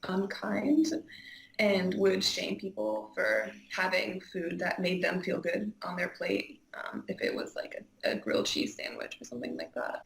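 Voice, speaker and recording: A woman's voice: mid-range voice, vocal fry, roomy sound, slight background noise, poor audio. A young woman from Iceland, an interview guest telling her personal story candidly, chatty and full of "like" and "um". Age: young adult. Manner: chatty, heavy use of "like" and "um", frank.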